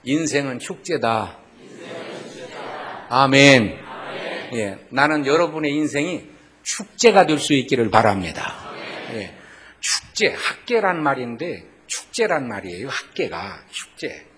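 Folksy Jeolla-accented preacher, bright voice. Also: male voice, medium pitch, very animated, measured pace, slight background noise. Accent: Jeolla Korean. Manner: folksy, joking, rising to loud exclamations. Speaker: guest revival preacher. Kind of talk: sermon with jokes.

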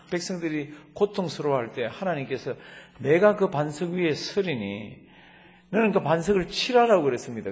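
A middle-aged male pastor preaching a sermon, asking rhetorical questions and slowing down to read scripture aloud, in a church sanctuary. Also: mid-range voice. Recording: long church hall reverb.

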